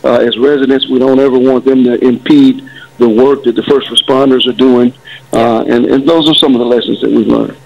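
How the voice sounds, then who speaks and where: Man, city official, average pitch, measured and hesitant delivery, lo-fi telephone interview sound. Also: level tone, vocal fry, darkish tone, a little hiss or hum. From Florida, United States. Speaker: city mayor. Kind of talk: phone interview on live news. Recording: dull, band-limited phone line.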